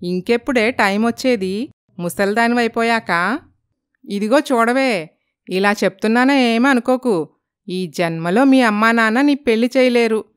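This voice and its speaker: A woman's voice: a little high, measured pace, clear, resonant tone, no room sound, clean studio sound, close to an everyday voice. A woman voicing a mocking village gossip aunty. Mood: taunting. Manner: taunting. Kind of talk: animated storybook voice acting.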